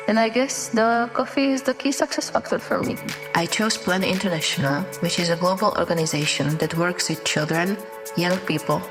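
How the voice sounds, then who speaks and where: A woman from Slovakia with a lower voice introduces herself in a scripted video, earnest and cheerful. Music plays clearly under her words. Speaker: contestant.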